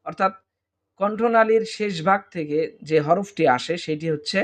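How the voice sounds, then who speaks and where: A man's voice: high-pitched, normal speed, fairly bright tone. A man with a Bangladeshi Bengali accent teaching Arabic letter pronunciation, drawing out each letter and repeating it for listeners to copy. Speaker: Quran teacher.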